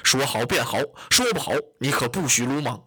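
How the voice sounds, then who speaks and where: A man voicing a calm, prudent lord who speaks in a measured, admonishing way, in a traditional storytelling performance. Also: medium pitch, husky, voice pushed down.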